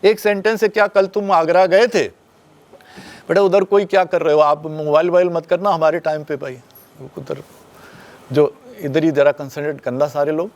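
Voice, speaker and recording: Older man lecturing in a high voice. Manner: lively, quizzes the class and demonstrates pauses and stress aloud; firm with students, tells them to put phones away. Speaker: lecturer at a media school orientation. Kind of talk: classroom lecture.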